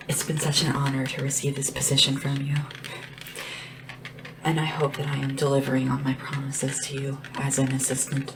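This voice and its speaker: In an ASMR roleplay, a woman plays a small, devoted, gentle assistant to a dragon monarch, speaking low and soft and often dropping to a whisper. Her manner is unhurried and deferential, her mood earnest and grateful. Clear tapping and background hiss sit behind the lo-fi recording.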